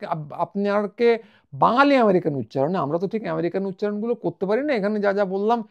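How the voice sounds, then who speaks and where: High, gravelly-voiced man in wry monologue. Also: lively intonation, fairly quick. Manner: wry, mocking, drills letters aloud. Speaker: commentator. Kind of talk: monologue commentary. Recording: dull lo-fi sound.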